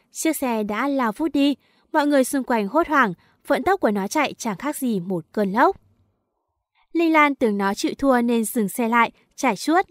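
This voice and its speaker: A woman's voice: on the high side, no room sound, studio quality. A woman reading a teen school story aloud as an audiobook narrator, speaking the characters' lines in her own lightly shifted voice. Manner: reads dialogue of many characters in one lightly shifted voice.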